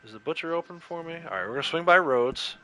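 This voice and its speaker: A man's voice: a little high, animated, quick pace, bright, forceful tone. A man streaming a game, chatting casually and opinionated, rambling with lots of fillers. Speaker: gaming streamer. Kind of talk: casual livestream chat while playing.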